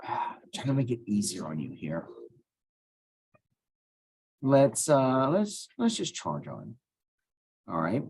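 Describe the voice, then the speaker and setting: His medium-pitched voice swoops wildly, slow with long pauses, darkish and breathy at the edges. As a male teacher in a screen-recorded software tutorial, he clicks through a computer task step by step, casually thinking aloud for students.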